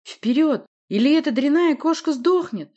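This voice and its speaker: A woman plays a ruthless scheming uncle in an audiobook, barking curt commands with calm menace. The voice sits raised and lively, rising and falling. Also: sits high, normal speed, highs cut off, pitched above the performer's own voice. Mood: commanding. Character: scheming older male uncle villain, cold and ruthless. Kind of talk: audiobook character voice.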